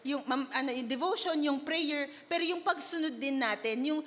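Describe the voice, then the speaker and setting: A woman's voice: high-pitched, normal speed, fairly bright tone. A young woman from the Philippines giving a chatty youth sermon, asking rhetorical questions and mixing Filipino with English. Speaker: youth worship speaker. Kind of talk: conversational sermon. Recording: long hall reverb.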